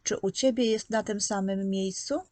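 A woman narrating a scripted preschool lesson, patient and clearly articulated as she sounds out letters. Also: mid-range voice, normal speed, darkish tone, no echo. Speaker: preschool teacher.

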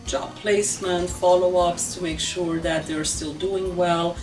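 In a documentary interview set in an office, a middle-aged woman who works for a refugee agency speaks earnestly, often saying "you know" and "um". Her lower voice has a level tone and a slightly slow pace. The mic is distant, the recording rough, and music runs under her voice.

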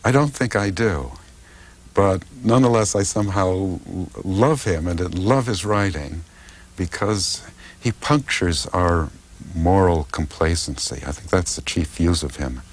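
In an interview, this political philosopher and translator from the United States takes his time, speaking in an unhurried way. He's an older man whose voice runs very deep, and his answers come out reflective and halting, full of fillers and false starts.

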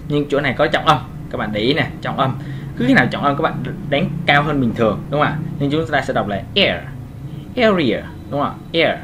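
A man at a medium pitch giving a casual pronunciation lesson. He talks patiently, repeats each sound slowly and keeps asking his listeners whether they follow. A faint hiss sits under his voice. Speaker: English pronunciation teacher.

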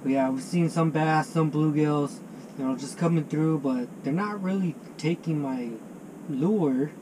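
Here the ice fishing vlogger, a man in his thirties, talks a little slowly in a somewhat high voice, relaxed and chatty with plenty of "dude" and "man." He's recorded by an action camera mounted in his small shanty, with background music and some noise in the mix.

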